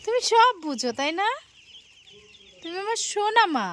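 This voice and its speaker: A woman's voice: very high-pitched, big pitch swings, moderate pace, fairly bright tone, slight background noise. A mother talking baby talk to her toddler, coaxing her with sing-song questions.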